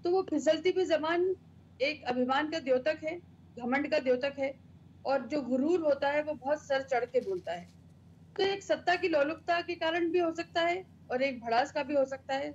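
A woman panelist in a televised debate, speaking in a measured, moralizing way and leaning on old sayings. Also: high-pitched, lively intonation, dull audio, a little hiss or hum. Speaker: party spokesperson panelist.

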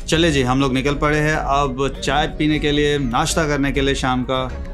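A young male travel vlogger narrates a casual vlog while exploring hill viewpoints and restaurants. He is relaxed and chatty, using many fillers and mixing in English phrases, with a medium pitch and moderate pace over faint music.

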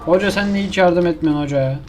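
A man's voice: high voice, fast, slight background noise. A man giving casual commentary over his own gameplay, exasperated and complaining to himself as he keeps failing. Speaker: gaming YouTuber.

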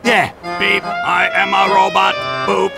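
A man voicing a gruff soldier who pretends to be a robot, saying beeps and boops in a mock-robotic way. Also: high voice, completely flat delivery, takes it slowly, exaggerated voice. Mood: deadpan robotic. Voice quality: gravelly, mock-robotic beeping. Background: loud music.

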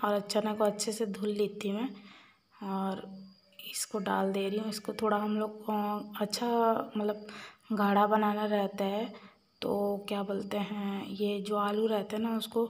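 A woman's voice: mid-range voice, a little mellow, slight background noise. A young woman chatting casually to viewers while she cooks in her home kitchen, talking to her child now and then. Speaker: home cooking vlogger. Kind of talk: casual cooking vlog chat.

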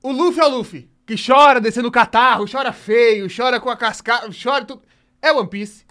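Excitable high-pitched Brazilian man. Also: normal speed. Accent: Brazilian Portuguese. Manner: excitable, exclamatory, rambling. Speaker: streamer reacting to a trailer. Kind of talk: casual reaction commentary.

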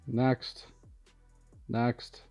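A middle-aged man with a mid-range, slightly mellow voice and vocal fry drawls out his words in a monotone during a casual, matter-of-fact walkthrough. He's a product demonstrator for a powersports tuning shop, recorded in a large indoor vehicle workshop with faint music.

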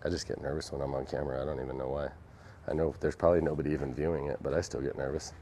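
Deep-voiced joking man demoing epoxy. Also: flat delivery, very fast, dark tone, a little hiss or hum. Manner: self-deprecating, joking, chatty with viewers. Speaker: epoxy demonstrator on a live stream. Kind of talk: casual live demo chat. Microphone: phone camera.

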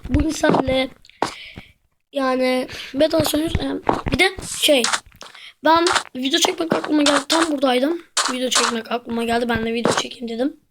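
A woman's voice: high voice, normal speed. A woman giving casual commentary while playing a video game, who flares up in frustrated outbursts and mutters to herself. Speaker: gamer. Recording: loud background noise and clicks.

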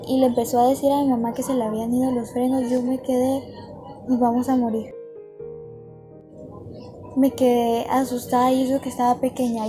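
A woman telling a personal story to camera in a chatty, earnest way, speaking straight to her viewers, with music playing behind her. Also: high-pitched. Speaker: vlogger. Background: background music.

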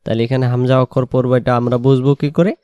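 A man's voice: mid-range voice, flat delivery, mellow, clear, resonant tone, no room sound, lo-fi sound. Male Quran tutor, resonant and dry, patiently drills syllables for learners. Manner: patient, repeats and draws out Arabic syllables slowly. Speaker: Quran reading teacher. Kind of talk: spelled-out recitation lesson.

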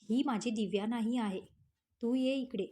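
A woman's voice: fairly high pitch, normal speed, warm tone, lightly acted. A woman reading the part of a playful, sulky young husband who pleads with his wife.

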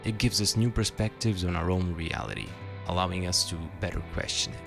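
A man narrates a scripted essay in a very low, creaky voice, moving a little fast with lively intonation. He keeps a dry manner punctuated by wry asides, and music is clearly heard behind him.

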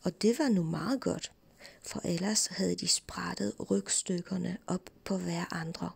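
A woman telling a fairy tale in whispered role-play, in a soft unvoiced whisper close to the mic. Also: lowish voice, gravelly, breathy edge. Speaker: storyteller.

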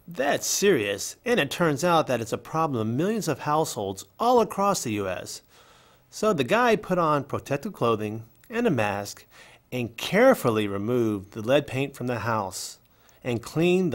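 A man's voice: mid-range voice, sing-song, measured pace. A man reading an English voice-over for a signed conversation, in a conversational scripted style. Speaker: voice-over for a signing speaker.

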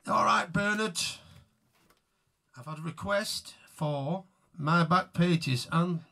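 A man's voice: sits high, takes it slowly, vocal fry, bright, forceful tone. A man chatting casually to live viewers between songs, rambling and self-mocking as he greets people by name. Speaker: musician hosting a live tribute stream.

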